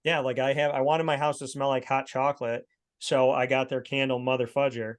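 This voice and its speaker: A man's voice: medium pitch, level tone, fairly quick. A man in his thirties co-hosting a podcast, talking in an emphatic, preachy storytelling way. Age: 30s. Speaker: podcast co-host. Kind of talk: casual chat.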